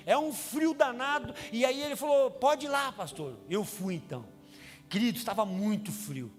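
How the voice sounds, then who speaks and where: A man with a Brazilian accent, a pastor and prison chaplain, telling a testimony in a sermon and acting out the voices of the people in his story. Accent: Brazilian Portuguese. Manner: storytelling, acts out quoted voices with raised pitch. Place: church sanctuary. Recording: reverberant church hall with music.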